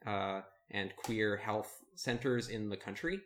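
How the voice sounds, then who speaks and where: Low-voiced man giving casual advice. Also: measured pace, slight background noise. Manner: relaxed, many fillers and restarts. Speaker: podcast co-host.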